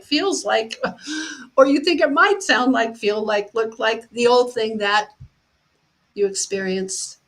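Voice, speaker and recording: A woman's voice: mid-range voice, a bit bright, low-quality recording. A woman giving a personal development talk, explaining ideas through vivid second-person stories. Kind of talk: teaching talk with storytelling examples.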